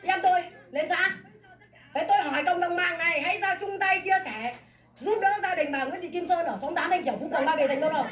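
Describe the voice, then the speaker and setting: A Vietnamese farmer protesting the seizure of her land unleashes a fierce, scolding, repetitive tirade in an extremely high-pitched, fairly quick voice. Her angry public complaint sounds echoey, captured from far off the mic.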